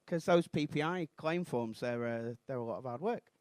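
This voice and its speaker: On a comedy club stage, a man in his thirties from Manchester, England, performs a rambling, self-deprecating stand-up set that erupts into shouted outrage. His mid-range voice keeps a moderate pace, and there's no room sound.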